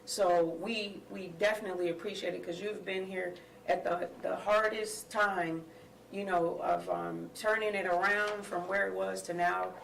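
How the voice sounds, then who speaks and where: A woman's voice: mid-range voice, fairly even intonation, measured pace, creaky, slight background noise. A woman board member paying tribute to a colleague at a school board meeting. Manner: warm tribute, laughing between phrases. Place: meeting room. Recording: echoey room mic from far off.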